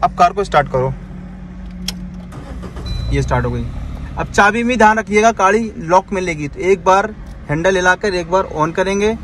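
A man's voice: sits high, normal speed, pauses often, fairly bright tone, a little hiss or hum. A man giving a driving lesson from inside a car, talking his student through each step and repeating his commands. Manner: instructive, repeats commands, tags lines with "ठीक है". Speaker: driving instructor.

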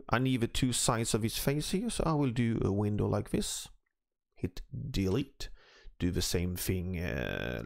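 A man with a gravelly, slightly rough morning voice walks through a screen-recorded design tutorial. He explains each step in a relaxed, matter-of-fact way, with mouse clicks behind him. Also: medium pitch. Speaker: CAD instructor.

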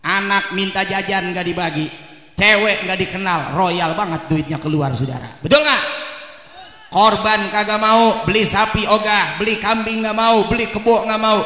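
A man's voice: high-pitched, normal speed, pushed and bright. A male Islamic preacher, giving a joking sermon to a crowd and often asking them if he is right. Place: community event hall. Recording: echoey hall with long reverb.

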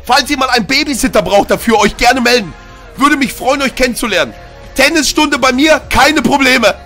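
A high, bright-voiced man streaming to his viewers, loud and boisterous, reading aloud one moment and shouting the next. Faint music plays underneath. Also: expressive, a little fast. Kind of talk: reading a story aloud, then casual chat.

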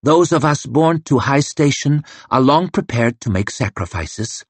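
A man's voice: mid-range voice, animated, a little slow, slightly rough, no room sound, voice pushed up. Haughty young noblewoman in an audiobook, cool and formal, lilting delivery, read by a man. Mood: aloof. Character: haughty young royal bride, woman.

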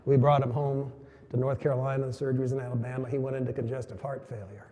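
A man's voice: medium pitch, level tone, quick pace, dark tone. A man giving a motivational keynote, telling a story with emphatic lines and quoted dialogue. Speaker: keynote speaker. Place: large conference hall. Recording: long hall reverb from a venue PA.

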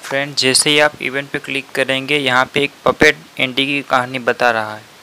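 A man with an Indian accent hosts a gaming channel, commenting over game screen capture with background music. His mid-range voice is level, brisk and sharp, with slight background noise.

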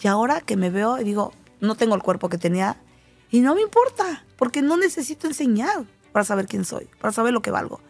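A middle-aged Mexican woman appears as a talk-show guest, her slightly gravelly voice on the high side, sing-song and fast. In casual talk show conversation she animatedly tells personal stories, slipping into the voices of the people she quotes, with faint music playing underneath.

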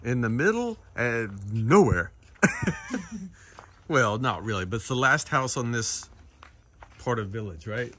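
A man's voice: medium pitch, expressive, a little slow, pauses often, bright, forceful tone. A middle-aged man chats his way through a casual travel vlog, rambling and restarting as he goes. He holds the camera at arm's length. A faint hum of ambient noise sits under his voice. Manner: chatty, rambling, with frequent laughs and restarts. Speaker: travel vlogger. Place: outdoors in a village and inside a shopping mall. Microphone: handheld camera at arm's length.

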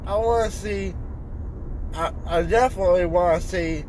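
Sitting in a car after having his wisdom teeth out, a fifteen-year-old boy chats in a groggy, loopy way, insistent, unfiltered and repeating himself. He has a high voice with a darkish tone at normal speed, and the car interior is noisy.

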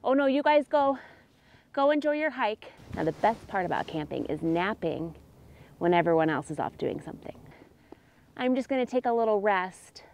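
A woman's voice: medium pitch, vocal fry, slight background noise. Dramatic woman joking at a campsite. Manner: chatty, dramatic, swinging from hushed to excited. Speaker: comedy sketch host. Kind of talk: comedic sketch monologue to camera. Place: forest campsite outdoors. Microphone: lapel mic.

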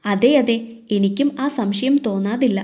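A woman's voice: medium pitch, normal speed, dark tone, lightly acted. A woman voicing a playful, teasing middle-aged man who acts as a fond uncle in a told story.

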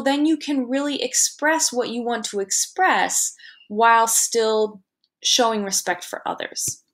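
A woman teacher giving a recorded lesson, explaining patiently and checking understanding with "right?", now and then acting out short quotes in a higher voice.

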